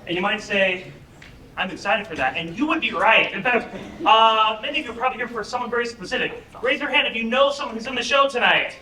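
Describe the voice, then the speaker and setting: A man's voice: very high-pitched, lively intonation, fast. A young man hosting an improv comedy show, energetically joking with and hyping the live audience. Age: young adult. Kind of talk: live stage emcee warm-up. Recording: echoey room, far mic, loud crowd noise.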